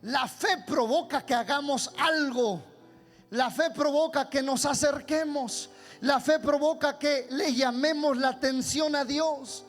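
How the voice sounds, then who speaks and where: High-voiced, fervent male pastor preaching. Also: slow pace, soft background music. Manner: fervent preaching, swinging from hushed to shouting; repeats words and restarts often. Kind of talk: sermon.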